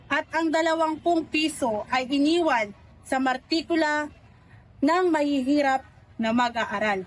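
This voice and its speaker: A woman's voice: high voice, poor audio. A young woman playing an earnest townswoman in a school drama, speaking in a declamatory way.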